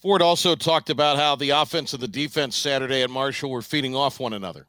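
A man's voice: medium pitch, fast, pushed and bright. A man hosting a sports radio segment, talking casually and rambling with many fillers and restarts.

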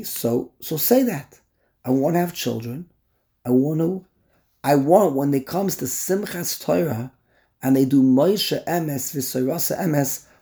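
A man, teaching a Torah lesson in an animated way, repeating words and acting out the characters. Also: fairly high pitch. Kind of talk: lecture on a text.

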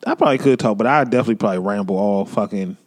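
A man co-hosting a casual podcast chat, relaxed and laughing a lot, swearing freely. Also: fairly low pitch, racing. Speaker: podcast co-host.

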